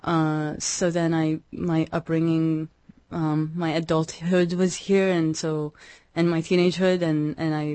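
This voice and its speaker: A young woman from Iraq, a musician guest in an interview, speaking hesitantly with many pauses and restarts. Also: low voice, flat delivery, mellow, dry recording. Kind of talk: radio interview.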